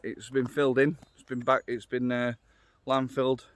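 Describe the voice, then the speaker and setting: Holding his phone at arm's length, a middle-aged Yorkshireman guides viewers down an outdoor trail, thinking aloud in an unscripted, down-to-earth walking vlog. His pitch sits in a normal middle range and barely moves, he speaks at normal speed, and there's no room sound.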